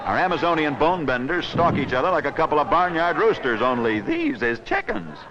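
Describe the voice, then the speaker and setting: Briskly and in a sing-song way, a man with a slightly high voice narrates wrestling for an old 1940s newsreel. His scripted lines are wisecracking and slangy with a theatrical flair, and the 16mm soundtrack comes across dull and noisy.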